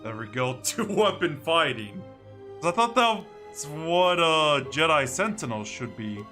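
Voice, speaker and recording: Guy streaming a game, muttering to himself, slow casual talk w lively pitch, bit of music behind. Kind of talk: casual livestream gaming commentary, thinking aloud.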